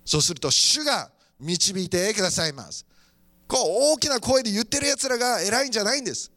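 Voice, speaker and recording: A male pastor delivers a sermon with high, ringing brightness. His voice is fervent, and he moves between teaching and prayer. The sound is close and dry, with no room around it. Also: expressive, brisk, no echo. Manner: fervent, moves between preaching and praying aloud.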